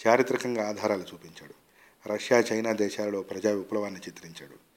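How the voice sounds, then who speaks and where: A man reading a short story aloud in a measured, expressive storytelling manner. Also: fairly low pitch. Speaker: story reader.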